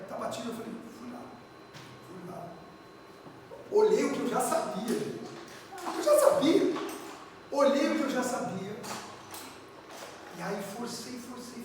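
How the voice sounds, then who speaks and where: A woman preaching from São Paulo, Brazil, telling her testimony to the congregation with lively acted-out dialogue. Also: a little high, normal speed, long pauses, noisy background. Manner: animated storyteller acting out dialogue, addressing the congregation. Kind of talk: sermon storytelling. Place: church hall. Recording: echoey church hall, distant mic.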